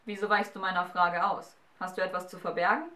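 Ein überheblicher Feuerriese, wie eine Vorleserin ihn spricht, der befiehlt und droht. Der Ton ist herrisch und kalt, die Aufnahme kommt hallig aus etwas Entfernung. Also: female voice, on the low side, flat delivery, a little fast, bright, forceful tone, roomy sound, recorded from a distance. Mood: fordernd. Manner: commanding, menacing. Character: fiery male giant ruler, proud and threatening.

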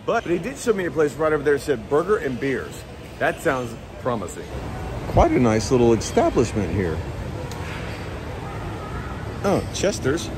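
A man's voice: mid-range voice, sing-song, moderate pace, pauses often. A middle-aged man chats his way through a casual travel vlog, rambling and restarting as he goes. He holds the camera at arm's length. A faint hum of ambient noise sits under his voice. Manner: chatty, rambling, with frequent laughs and restarts. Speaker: travel vlogger. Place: outdoors in a village and inside a shopping mall. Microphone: handheld camera at arm's length.

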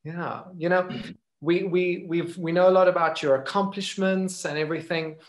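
A young adult man hosts a live interview over a video call. His voice sits a little high. He talks eagerly, heaping praise on his guest and stumbling over a few words. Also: steady tone, normal speed. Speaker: host. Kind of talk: friendly interview hosting. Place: room indoors.

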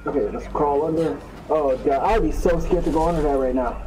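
A young man giving excitable let's play commentary, shouting at the game as he plays. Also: a little high, brisk, poor audio. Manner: excitable, exclamatory, talks to the game. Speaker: gameplay channel host.

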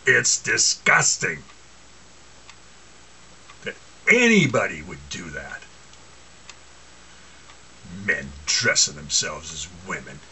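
A man's voice: a bass voice, huge pitch swings, slow pace, pauses often, sharp tone, a little hiss or hum. A man preaching an informal sermon, mocking and asking rhetorical questions, often laughing to himself.

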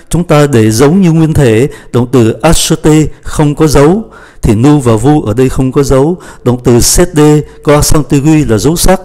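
A man teaching a French grammar lesson, patiently spelling out letters and slowly repeating each conjugation. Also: mid-range voice, a little mellow.

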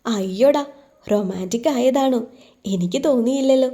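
Coy young bride in a romance audiobook, woman's natural voice, soft, dark and mellow. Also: fairly high pitch, moderate pace, lightly acted. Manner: coy and shy.

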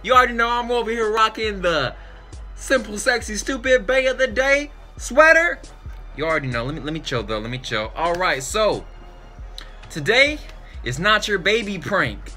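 Animated young man, bright excitable voice. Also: high-pitched, normal speed, soft background music. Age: young adult. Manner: slangy, excitable. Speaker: reaction video host. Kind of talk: casual profane reaction commentary. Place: small bedroom indoors.

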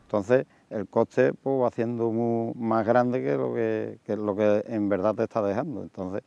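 A man's voice: fairly low pitch, steady tone, measured pace, gravelly, warm tone, no room sound. A middle-aged man, a farmer, speaking hesitantly and plainly in a field interview outdoors. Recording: dull dry lo-fi sound.

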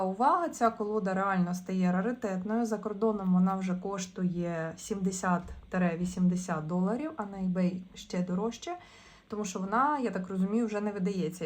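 A woman's voice: mid-range voice, a little mellow. A woman chatting casually through an unboxing, with hesitant fillers and restarts. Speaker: vlogger unboxing tarot and esoteric goods.

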